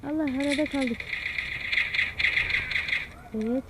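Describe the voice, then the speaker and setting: A young man hosting a mobile gaming channel, giving excitable, casual commentary while he plays and talks to his viewers. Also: very high-pitched, slow, heavy background noise. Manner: excitable, keeps urging "vur vur" at enemies and talking to viewers. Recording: loud game sound effects behind the voice.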